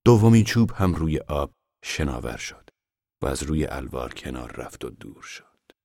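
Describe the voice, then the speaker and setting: A man narrating a novel in a calm, measured way, often sinking to a hush. His voice is very low. The recording is dry and close. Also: gravelly, no echo. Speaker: audiobook narrator.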